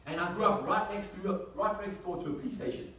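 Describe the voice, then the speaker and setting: Before a live audience in an echoey indoor space, a South African motivational speaker with a high, fairly bright voice speaks fairly quickly and emphatically. Key phrases recur and rhetorical questions abound; the mic is distant and there's faint noise.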